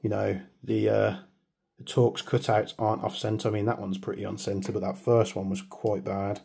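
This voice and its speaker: With a lowish, gravelly voice that's warm and slightly breathy, a British airsoft video maker keeps an even tone at a moderate pace. He wanders chattily through a hands-on product review, making self-deprecating jokes about how much he waffles.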